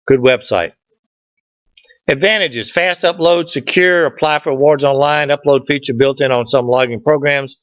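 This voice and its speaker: Standing at a lectern in a meeting room, a club presenter gives an informal slide talk, folksy in manner and trading jokes with the audience. His voice is mid-pitched, fairly bright, and at a normal speed. The recording sounds dull and dry, with little echo.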